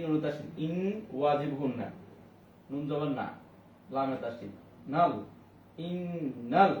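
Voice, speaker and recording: A man teaching Quran reading, spelling out each word letter by letter and slowly chanting the verses. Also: a little high. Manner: slow, repetitive drilling with melodic recited verses. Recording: roomy, dull distant sound with faint hiss.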